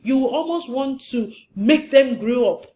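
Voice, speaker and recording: A woman's voice: high-pitched, a little slow, mellow. A woman marriage counselor giving an earnest, emphatic teaching talk, often repeating her points for stress.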